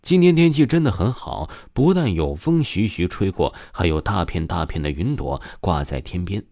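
A man reads a story aloud in a very low voice. His delivery rises and falls in a sing-song way, and he slows right down for recited poems. It is expressive storybook narration. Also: no echo, clean studio sound.

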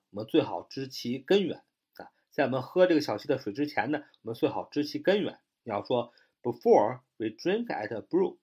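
In an explanatory English vocabulary lesson, a man with a slightly husky voice lets his pitch rise and fall in lively swings. He spells words letter by letter and reads the English example sentences slowly, stretching out an "ah" between phrases.

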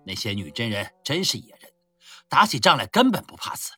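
Man doing a boastful general, loud, scornful, husky, swoops up and down. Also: mid-range voice, sing-song, brisk, faint music behind, full character voice. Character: boastful hard-drinking male Ming general.

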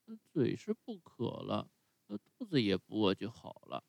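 A man's voice: mid-range voice, lively intonation, no room sound, natural voice. A man reading a storybook and voicing the wooden puppet boy Pinocchio, stammering and pleading through tears. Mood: grudging. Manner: stammering, emotional, drawn-out cries.

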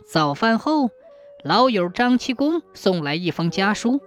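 A woman telling a folk tale in an expressive storytelling manner. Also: mid-range voice, measured pace. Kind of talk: storytelling narration. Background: faint music.

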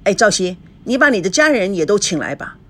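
A woman's voice: medium pitch, very animated, fairly quick. Woman doing a boastful hearty chairman dad. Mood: jovial. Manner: loud, jovial, showy praise. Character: hearty boastful middle-aged male company chairman.

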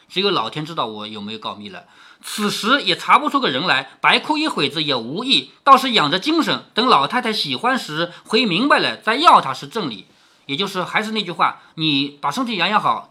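A man hosts a reading of a classic novel, stopping often to explain it and to put rhetorical questions to the listener. His voice is bright and sharp, and his pitch swings widely through each sentence. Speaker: host reading a classic novel aloud with commentary.

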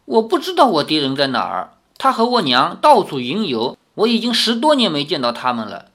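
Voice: mid-range voice, huge pitch swings, brisk, a bit bright, exaggerated voice. A reader voicing a naive young man who answers earnestly and stammers when embarrassed.

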